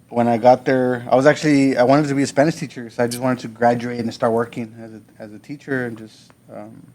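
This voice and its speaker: Laid-back man in his thirties telling stories. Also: mid-range voice. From South Texas, USA. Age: 30s. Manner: relaxed, laid-back, many fillers and restarts. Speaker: podcast guest, artist. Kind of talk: casual conversational storytelling.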